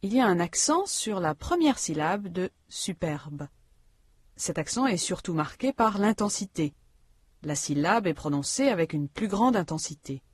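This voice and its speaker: Woman, instructional narrator, calm explanatory reading, breathy low voice, dry booth. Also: moderate pace, no room sound. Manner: calm, explanatory teacher delivery. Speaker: language-course narrator.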